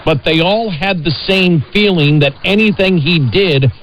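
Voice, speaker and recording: A man's voice: high voice, measured pace, fairly bright tone, muffled recording. An American man co-hosting a conversational political talk radio show, insistent and repeating phrases for emphasis. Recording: noisy radio broadcast sound.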